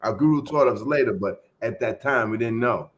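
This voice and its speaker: Male storyteller in a casual podcast chat, mid-pitched, lively, acts out quotes. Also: normal speed. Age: 20s.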